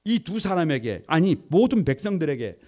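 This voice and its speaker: A male pastor preaching a lively sermon and leading the congregation in reading scripture aloud, moving between quiet asides and loud exclamations. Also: a little high, moderate pace. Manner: animated, swings from soft asides to loud exclamations.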